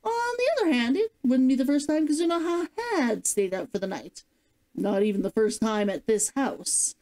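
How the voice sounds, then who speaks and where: Woman reading a story aloud, mellow and lively. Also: high voice, normal speed. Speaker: streamer reading a novel aloud. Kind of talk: scripted storybook narration, audiobook-like.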